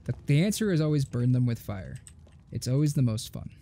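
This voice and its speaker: A man's voice: mid-range voice, big pitch swings, brisk, warm tone. A young man giving joking, sarcastic running commentary while playing a video game. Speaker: gaming host. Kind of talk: let's play commentary. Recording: faint game music behind.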